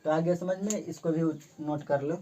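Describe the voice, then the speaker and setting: Male teacher, casual grammar lesson, slow repeated definitions, points at the board. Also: fairly high pitch, steady tone, warm tone, slight background noise. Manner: repetitive, restates each definition slowly.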